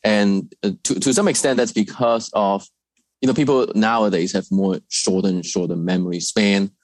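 A man's voice: lowish voice, moderate pace, no echo. A man from China, a research fellow, answering interview questions thoughtfully with frequent fillers and restarts.

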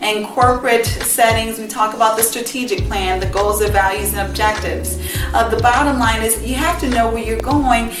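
A woman's voice: a little high, steady tone, moderate pace. A woman hosting a podcast, giving an earnest, instructive motivational talk that speaks directly to the listener. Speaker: podcast host and leadership coach. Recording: roomy, distant mic, music behind.

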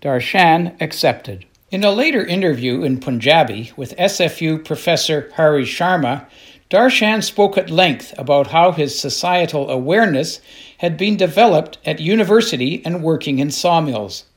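Guy narrating a history documentary from a script, voice a bit on the high side. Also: lively intonation, moderate pace.

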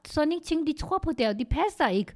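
A middle-aged woman, chatting casually with her daughter, often pausing to search for words and mixing in other languages. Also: sits high, animated, a little mellow. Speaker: podcast co-host, mother. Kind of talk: casual family chat.

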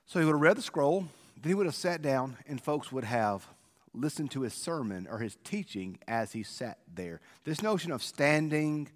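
A male preacher giving an informal, conversational devotional on scripture in a halting way, his voice echoing through a church sanctuary like a cathedral. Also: fairly high pitch, animated. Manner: conversational, halting with repeated words. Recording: echoey church sanctuary, long reverb.

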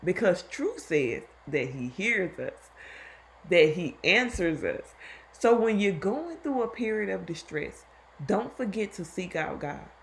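Earnest woman with a gravelly voice. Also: lowish voice, big pitch swings, takes it slowly, slight background noise. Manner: earnest, encouraging, repeats key points. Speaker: Bible teacher. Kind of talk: devotional teaching.

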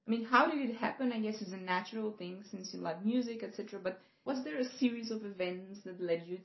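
Gravelly-voiced woman host in a roomy room. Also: medium pitch, quick pace. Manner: warm encouraging asides, rambling questions. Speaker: senior vocal coach, podcast host. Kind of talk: casual podcast interviewing. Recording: roomy, slightly dull podcast audio.

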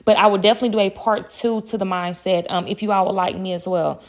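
A woman's voice: medium pitch, fairly even intonation, fast. A woman talking casually and earnestly to her viewers about faith, often repeating key phrases for emphasis. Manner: speaks directly to viewers as "y'all". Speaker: faith vlogger. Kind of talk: casual faith-based encouragement talk.

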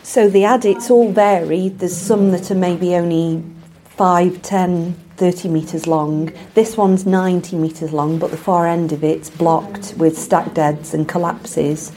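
A woman's voice: lowish voice, steady tone, a little slow, few pauses, warm tone. A woman giving informal, matter-of-fact explanations as an expert guide in an interview. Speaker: bat surveyor, expert guide. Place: inside a mine tunnel.

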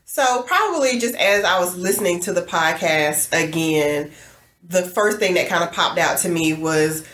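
A woman with a low voice co-hosts a podcast in easy conversation. She talks things through with fillers and laughs often. The recording has a noticeable echo, as in a bare room. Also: animated, normal speed, a bit bright, a little hiss or hum. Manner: thoughtful, laughs easily, many fillers. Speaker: podcast co-host. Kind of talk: casual podcast chat.

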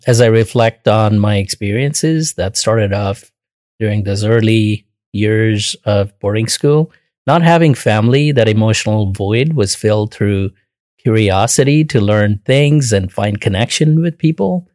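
A man from Bangladesh answering interview questions in a measured, earnest way with frequent pauses and fillers. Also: on the low side, darkish tone, no room sound, studio quality. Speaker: interview guest.

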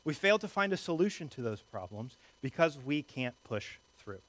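A male pastor preaching a sermon in a lively, conversational way, with jokes mixed in. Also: a little high, normal speed.

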